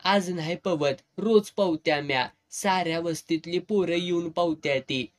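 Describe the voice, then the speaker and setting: A man voicing a bold, quick-tempered village girl, speaking in a with a teasing, bossy manner. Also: on the high side, lightly acted.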